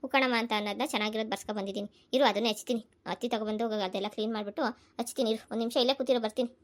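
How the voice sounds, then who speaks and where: A woman voicing a worried, sharp-tongued mother in a cartoon, scolding and nagging. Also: fairly high pitch, steady tone, racing, close to an everyday voice. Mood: soothing. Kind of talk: cartoon voice acting.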